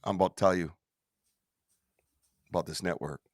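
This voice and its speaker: A man hosting a casual live stream, chatty and excitable, laughing often and swearing casually. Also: deep voice, moderate pace. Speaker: podcast host on a live stream.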